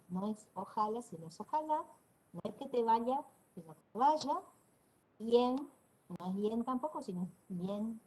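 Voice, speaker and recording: Argentine woman lecturing a class, kinda husky voice, acts out how people pronounce words. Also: mid-range voice, poor audio. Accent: northeastern Argentine Spanish. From Corrientes, Argentina. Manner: explanatory, demonstrates pronunciations aloud. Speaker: university lecturer.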